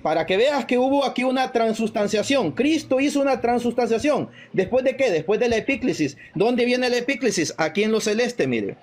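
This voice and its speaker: A man with a fairly high voice leads a live online debate over a video call. He reads verses aloud slowly, leaning on each quoted line, then argues his point. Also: lively intonation. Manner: slows down and stresses quoted verses, argumentative.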